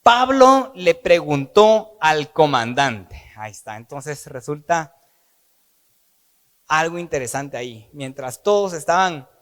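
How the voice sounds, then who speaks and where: A man preaches at a slow, measured pace, his voice sitting a little high. He brings the story to life by playing out the dialogue with humor. The sound rings with the long reverb of a church hall. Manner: animated, acts out dialogue with jokey asides. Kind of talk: sermon.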